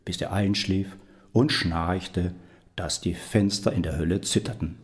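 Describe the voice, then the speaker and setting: A man reading a fairy tale aloud as a storyteller, in an expressive, unhurried manner. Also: low-pitched, very noisy.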